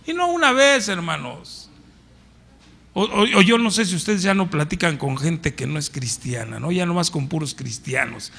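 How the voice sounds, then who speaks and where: A middle-aged Mexican pastor preaches in church with a high, gravelly voice. He speaks in a Mexican Spanish accent and talks to the congregation as if in conversation, often turning to them with questions. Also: lively intonation, moderate pace, sharp tone. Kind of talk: sermon.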